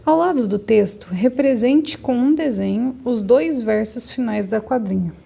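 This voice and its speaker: Woman primary teacher, patient step-by-step explainer, gravelly and mellow voice, remote lesson. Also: a little high, measured pace. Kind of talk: remote class walkthrough of a textbook.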